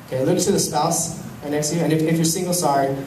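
A young man preaching a sermon on a handheld mic, animated, swinging from loud to hushed. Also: a little high, quick pace. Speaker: pastor. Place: large church hall with stage. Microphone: handheld mic, filmed from the pews. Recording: echoey hall, far camera, faint hum.

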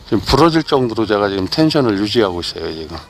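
A middle-aged man hosting a fishing channel, talking to himself with excited exclamations as he fishes outdoors at night by a muddy waterway. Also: on the low side, fast, slight background noise. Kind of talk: fishing vlog commentary.

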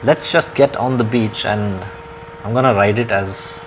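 A man's voice: fairly low pitch, unhurried. A young man from India narrating a motorbike trip in an easygoing, plain-spoken way through a helmet mic. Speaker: motovlogger. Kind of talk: casual travel vlog narration. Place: on a motorbike on a road. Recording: road and engine noise behind.

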